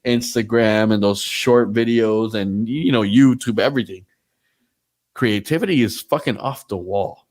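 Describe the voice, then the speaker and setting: A man's voice: fairly low pitch, measured pace. A man hosting a casual podcast, swearing freely and acting out the voices in his stories. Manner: profane, animated storyteller acting out quoted voices. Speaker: podcast host.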